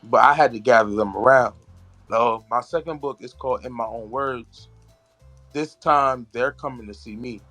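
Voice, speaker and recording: Guest: man, mid-range voice, earnest, halting, dry sound. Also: medium pitch, a bit bright, dry recording, faint music behind. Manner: earnest, searching for words, restarts. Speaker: guest, author and poet. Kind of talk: casual interview chat.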